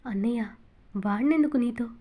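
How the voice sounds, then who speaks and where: Storybook sister, sorrowful and pleading, soft mellow tone, a woman reading her. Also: fairly high pitch, fairly quick, lightly acted. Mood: tearful. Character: tearful, worried young woman, caring sister.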